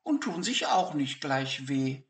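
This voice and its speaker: A reader voicing a small, gentle, homesick talking plush penguin in a storybook read-aloud. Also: big pitch swings, slow. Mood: cheerful. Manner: high, squeaky toy voice. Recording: echoey room.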